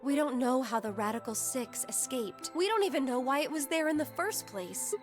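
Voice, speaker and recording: A woman voicing a calm, earnest young woman guide in a video game, speaking in a soft, measured way. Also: high-pitched. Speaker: game character. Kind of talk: dubbed video game dialogue. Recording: game audio over loud music. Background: game soundtrack.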